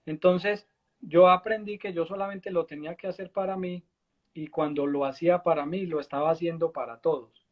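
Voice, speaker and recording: High-voiced man telling stories. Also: moderate pace, lo-fi sound. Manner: animated storyteller, acts out his own past dialogue. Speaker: spiritual guide and musician. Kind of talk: storytelling in a conversation.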